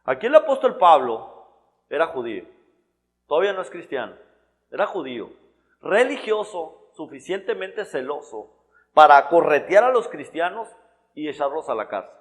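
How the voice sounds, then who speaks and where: A man's voice: fairly high pitch, very animated, normal speed. A man preaching a sermon in a church hall, in a conversational style full of restarts and repeated words.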